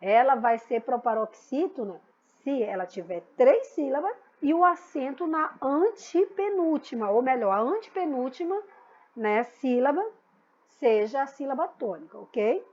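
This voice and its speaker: A woman's voice: high voice, lively intonation, measured pace, darkish tone, lo-fi sound. Patient woman teaching a lesson. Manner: patient, explanatory, repeats key words. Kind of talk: recorded school lesson.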